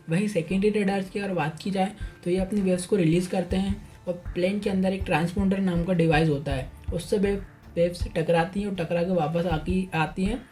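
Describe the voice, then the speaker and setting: With faint music underneath, a man talks his friends-as-listeners through an informal educational piece, circling back over each point. His voice is high and a little mellow.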